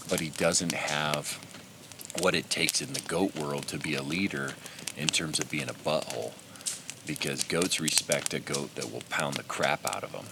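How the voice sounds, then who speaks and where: Out in the alpine backcountry, a pack goat guide who hosts a channel talks casually to the camera on the trail. His very deep, creaky voice comes through heavy background noise as he speaks earnestly, rambling a little about his goats and his time out there.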